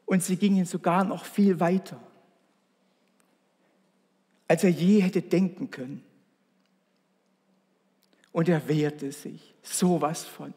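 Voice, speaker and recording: A male preacher delivers a sermon in an earnest, storytelling way, turning often to speak straight to his listeners. His voice sits slightly high with a husky edge. The sound carries the long reverb of a large hall. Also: steady tone, takes it slowly, pauses often, warm tone. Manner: earnest, storytelling, addresses congregation directly.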